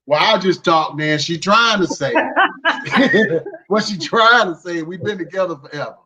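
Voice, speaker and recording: A man's voice: sits high, lively intonation, a little slow, crowd noise. A man in his forties, a guest husband, talking loosely and chuckling in casual chat. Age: 40s. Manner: talkative, chuckling, loose and informal. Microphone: video call. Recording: distant muffled video-call mic.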